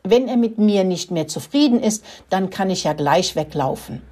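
A woman's voice: medium pitch, lively intonation, moderate pace, mellow, lightly acted. A woman voicing a worried older hen in a children's story, talking in a clucking, complaining way. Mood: suspicious.

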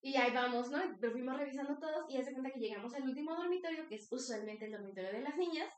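A young Mexican woman with a high voice tells a story animatedly on a casual podcast. She acts out the voices as she goes. The sound is roomy and picked up from a distance. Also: quick pace. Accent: Mexican Spanish. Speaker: podcast co-host.

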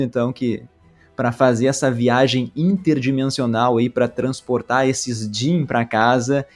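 A man with a mid-pitched voice co-hosts a laid-back podcast. He speaks emphatically, pressing his opinions with his co-host over faint background music. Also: a little mellow. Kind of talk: casual pop-culture podcast chat.

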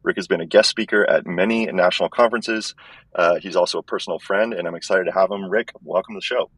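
Very deep man's voice, tinny and metallic. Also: fairly even intonation, quick pace, fairly bright tone, husky, no room sound. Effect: thin, tinny, tin-can sound. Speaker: podcast host. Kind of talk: conversational podcast introduction and interviewing. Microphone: wireless earbuds. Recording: tinny earbud microphone audio.

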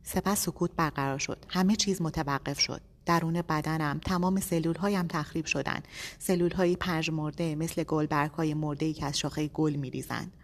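A woman narrating an audiobook in a measured, steady reading voice. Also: sits low. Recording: long echoey reverb.

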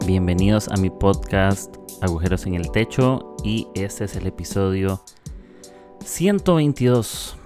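A Costa Rican man in his thirties hosting his own podcast, talking in a relaxed, chatty way with frequent "eh" fillers. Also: low voice. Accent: Costa Rican Spanish. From Costa Rica. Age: 30s. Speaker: podcast host. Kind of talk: casual reflective podcast monologue.

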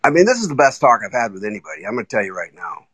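A man phones into a live audio app's casual conversation from an iPhone as a guest, very animated and eager, though halting with frequent restarts. His voice runs lowish, husky and slightly bright, with no room sound in the audio.

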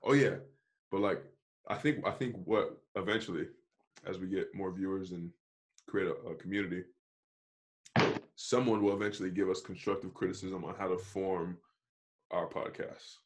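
A man's voice: low voice, fairly even intonation, normal speed, long pauses. A man co-hosting a casual podcast, easygoing, often repeating and restarting words. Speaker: podcast co-host. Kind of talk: casual chat.

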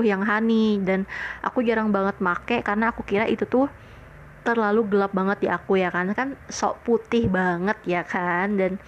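A young woman with a medium-pitched voice, recorded with the highs cut off, hosts a podcast. She relates a personal story casually and gratefully, earnest throughout, with frequent fillers and retold exchanges.

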